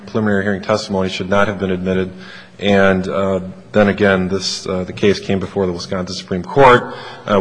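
A man giving a formal oral argument as an attorney, hesitant and halting, with very frequent ums and uhs. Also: sits low, a bit bright. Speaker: attorney arguing an appeal. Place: large courtroom. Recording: reverberant courtroom.

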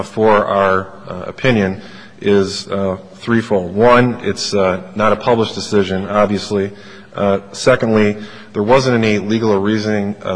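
Halting, low-pitched male lawyer in court. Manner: halting, hesitant, very frequent ums and uhs. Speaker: attorney arguing an appeal. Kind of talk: formal oral argument. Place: large courtroom. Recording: reverberant courtroom.

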